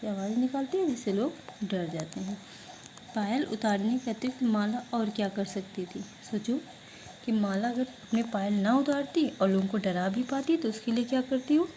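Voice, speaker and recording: A woman teacher giving an online class lesson, who asks questions and answers them herself, drilling words slowly syllable by syllable. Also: on the high side, mellow, slight background noise, poor audio.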